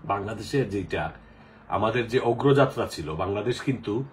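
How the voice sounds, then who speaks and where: A man's voice: lowish voice, lively intonation, normal speed, a little hiss or hum. A middle-aged man from the Sylhet region, chatting casually in a rambling way with many fillers. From Sylhet region, Bangladesh. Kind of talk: casual chat.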